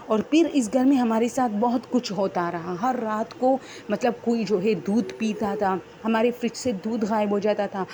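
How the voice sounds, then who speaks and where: A woman's voice: a little high, noisy background. A woman telling her own horror story in a rambling, unscripted, conversational way.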